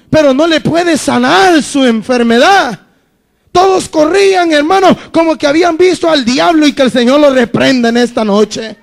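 High-voiced preacher swinging hushed to shouting. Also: male voice, gravelly. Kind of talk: sermon.

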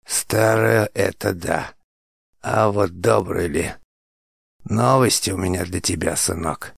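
A gruff old woman healer who croaks and rasps in an audiobook tale, as a man puts her on. Her domineering voice sits low and deep, recorded dry and close. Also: slow pace, no echo, heavily acted. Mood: wry. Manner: croaking, raspy.

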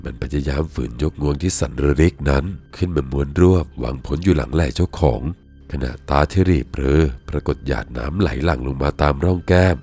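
A man with an extremely low, deep voice reads a first-person ghost story in a measured, solemn way. Faint music plays softly behind his telling. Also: husky.

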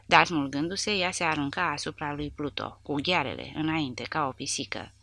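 A woman's voice: low voice, bright, forceful tone, dry recording. A woman reading a war novel aloud as an audiobook narrator, with dramatic storytelling delivery. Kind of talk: scripted narration.

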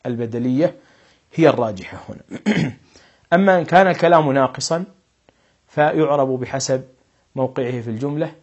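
A man teaching an Arabic grammar lesson, explaining patiently and stressing each quoted example slowly and loudly. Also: medium pitch, husky, lo-fi sound.

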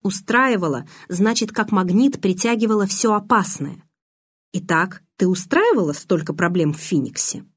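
A woman reading the lines of a guarded, brooding young man in a restrained, quiet manner. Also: mid-range voice, expressive, normal speed, slightly rough.

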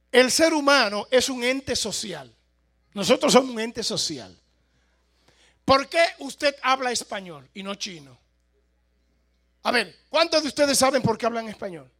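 A man's voice: extremely high pitch, sharp tone. A pastor from El Salvador with a Salvadoran accent, preaching a sermon and questioning his congregation, with amens in between.

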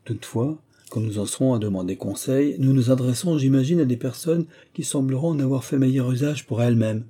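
A man reading a classic novel aloud as audiobook narrator, in a steady, composed manner. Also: mid-range voice, brisk, breathy edge. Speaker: audiobook reader.

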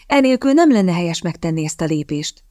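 A woman's voice: fairly low pitch, lively intonation, dark tone, dry recording, clean studio sound, close to an everyday voice. A woman reading a scheming young woman, coyly desperate. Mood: pleading. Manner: feigned desperation, coy and theatrical. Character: scheming young woman seeking a rich husband. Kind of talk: audiobook character reading.

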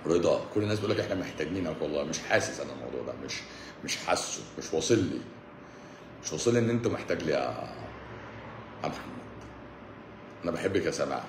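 A rapid-fire Egyptian man in his forties answers comments on a live stream with mocking sarcasm. He jumps from loud, exasperated bursts to low mutters. His voice rings around an echoey room. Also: lively intonation, background noise. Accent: Egyptian Arabic. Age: 40s. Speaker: doctor hosting a live stream.

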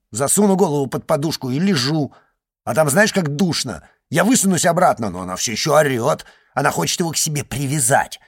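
A man voicing a loud, crude, spiteful schoolgirl who is stuck on a sofa and shouts and mocks in fast rants. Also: fairly high pitch, dry recording, clean studio sound, voice pushed up.

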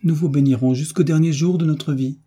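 A man voicing a tearful young peasant girl who begs for mercy, in a dark, husky tone. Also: medium pitch, moderate pace, pitched above the performer's own voice, natural voice. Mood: tearful pleading. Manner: begging, sobbing pleas.

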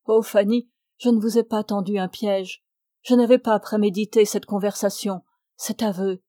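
A woman reading the part of an earnest, devout young man who declares his love solemnly and pleads with fervour, in a slow, mellow voice. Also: medium pitch, no room sound, studio quality, natural voice. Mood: rapturous.

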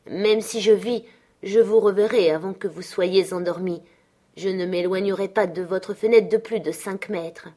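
A woman reading the part of a passionate, brooding man who speaks urgently and forcefully. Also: medium pitch, fairly even intonation, moderate pace, close to an everyday voice.

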